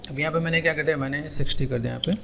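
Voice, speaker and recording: A man giving a casual, repetitive software tutorial, pointing things out step by step. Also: fairly high pitch, steady tone, very fast, gravelly, over loud music. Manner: repetitive, keeps saying "here" and "okay". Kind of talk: casual screen-recorded tutorial.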